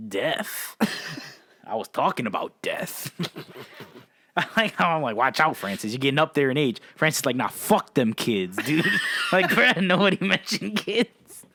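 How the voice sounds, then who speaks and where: A man's voice: fairly high pitch, sing-song, measured pace, bright, forceful tone, no room sound. A man in his twenties co-hosting a podcast in casual chat, laughing easily and repeating his favorite phrases. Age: 20s. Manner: laid-back, laughs often, repeats "that's nuts". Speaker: podcast co-host.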